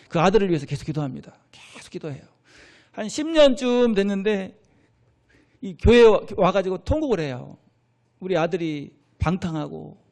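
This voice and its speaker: Animated high-pitched preaching man. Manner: animated preaching with call-and-response questions to the congregation. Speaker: pastor. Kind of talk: sermon. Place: church sanctuary.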